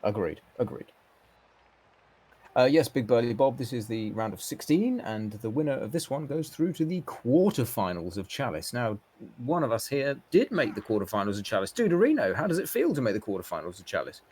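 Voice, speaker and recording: Husky man co-commentating casually. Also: mid-range voice, big pitch swings, brisk, darkish tone. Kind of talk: casual live board game commentary.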